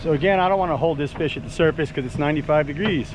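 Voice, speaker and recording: A man's voice: fairly high pitch, racing. Man teaching fishing from a boat. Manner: chatty, excitable when fish bite. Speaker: fishing channel host. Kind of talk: casual on-camera fishing tutorial. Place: open boat on a lake, outdoors. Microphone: action camera on the boat. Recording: outdoor boat noise and wind.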